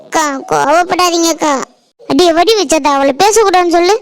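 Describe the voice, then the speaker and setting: In a cartoon, a hurt village woman, voiced by a woman, protests her innocence. Her voice is very high and plaintive, and she sulks when she is rebuffed. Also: fairly quick. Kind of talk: cartoon voice acting.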